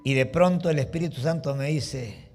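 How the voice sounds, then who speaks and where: A middle-aged Peruvian man preaching a sermon, telling a personal story with lively acted-out voices and exclamations. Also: fairly high pitch, moderate pace, faint music behind. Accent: Peruvian Spanish. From Peru. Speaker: pastor.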